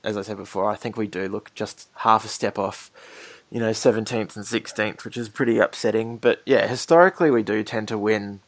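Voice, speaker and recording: A man's voice: fairly low pitch, fairly quick, dry recording. An Australian man hosting a casual sports discussion. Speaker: sports podcast host.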